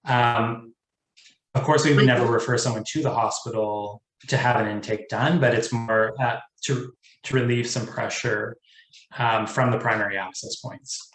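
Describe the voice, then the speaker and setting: A man's voice: mid-range voice, fairly even intonation, a bit bright. Man with choppy, cutting-out audio. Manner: measured, frequent ums and restarts. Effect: audio cutting in and out over a bad connection. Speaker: presenter on homelessness services. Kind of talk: webinar presentation. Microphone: video call. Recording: roomy video call audio cutting in and out.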